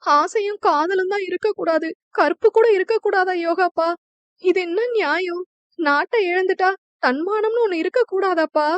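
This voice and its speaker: A woman's voice: very high-pitched, moderate pace, no room sound, dull audio, voice pushed up. A woman voicing a frightened young woman who pleads through sobs in a storybook reading. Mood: hurt. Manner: pleading and sobbing.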